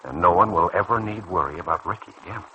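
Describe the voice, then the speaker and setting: In a noisy old radio drama recording, an actor plays a calm, earnest doctor counselling a younger colleague. His voice sits low, and he probes and persuades in a measured, reassuring way.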